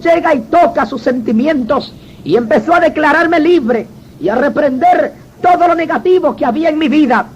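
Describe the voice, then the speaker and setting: A man's voice: very high-pitched, normal speed, highs cut off, slight background noise. A man giving a religious conversion testimony, telling it dramatically and addressing the listener as brother. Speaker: former gang member giving a testimony.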